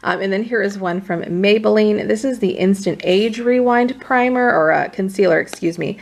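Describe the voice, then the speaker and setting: A woman's voice: medium pitch, moderate pace, vocal fry. A woman who sounds a little out of breath, chatting casually to camera as a beauty vlogger running through products. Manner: informal, conversational. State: slightly out of breath from pregnancy.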